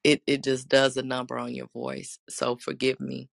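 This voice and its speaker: Raspy, gravelly devotional speaker. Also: mid-range voice, monotone, normal speed, no room sound. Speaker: host of a faith talk. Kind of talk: devotional talk and prayer.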